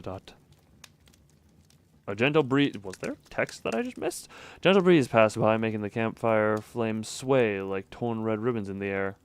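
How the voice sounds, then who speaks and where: A man streams a visual novel, reading the narration aloud evenly and breaking off for casual, chuckling asides and small laughs. His voice is mid-range and smooth.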